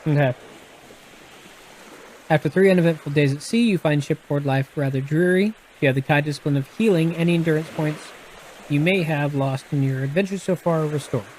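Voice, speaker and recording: A Texan-accented man with a slightly high, darkish voice moves briskly through a gamebook, reading it aloud and talking through the rules with a live crowd. He keeps restarting and correcting himself in a relaxed, explanatory way, and a little hiss or hum sits under the recording.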